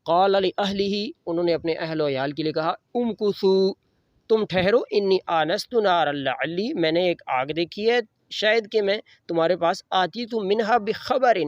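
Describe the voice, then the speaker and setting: A man gives a religious lesson in a voice that sits high for a man. He recites scripture slowly and explains each verse plainly. The recording is close and dry, with a muffled, dull tone. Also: dry recording. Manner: recites Arabic verses slowly, then explains them in Urdu. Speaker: Quran teacher.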